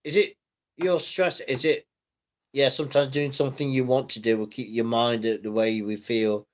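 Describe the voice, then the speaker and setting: A man's voice: mid-range voice, steady tone, moderate pace. A middle-aged man from the UK hosting a livestream, chatting casually and reassuringly as he reads viewer comments. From United Kingdom. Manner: rambling and reassuring, with restarts. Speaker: livestream host. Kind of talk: casual live-stream chat reading viewer comments.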